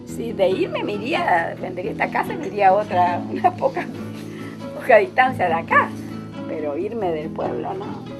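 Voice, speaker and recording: A woman from Santa Fe, Argentina, speaks with a lively, swinging pitch. She sounds firm about where she belongs. Music plays clearly under her voice. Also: moderate pace. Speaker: local resident interviewed. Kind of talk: documentary interview.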